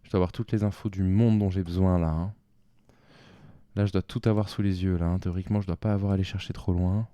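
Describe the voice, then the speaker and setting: Homme à la voix grave et sombre, commentant son jeu. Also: male voice, low-pitched, steady tone, fast talker, warm tone, no room sound. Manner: thinks aloud, talks to himself. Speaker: game commentator. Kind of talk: live game commentary.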